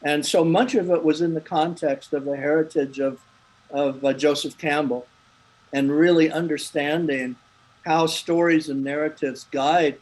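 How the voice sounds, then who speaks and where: Man, somewhat high voice, earnest, thoughtful, restarts phrases, video call. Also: fairly even intonation, unhurried, low-quality recording. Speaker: panelist. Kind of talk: casual online talk.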